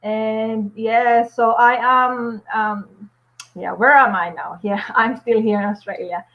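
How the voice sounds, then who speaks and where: Speaking slowly in a slightly high, steady voice, a woman in her forties from the Philippines chats on a casual home live stream. She's a nurse and vlogger, upbeat, dropping lots of fillers and small laughs. Her audio comes through dull and lo-fi.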